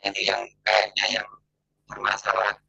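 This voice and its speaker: A man's voice: on the low side, monotone, normal speed, gravelly, pushed and bright, husky, rough recording. A man leading an online meeting in casual chat, his voice coming through a laptop video call as half-robotic, garbled audio.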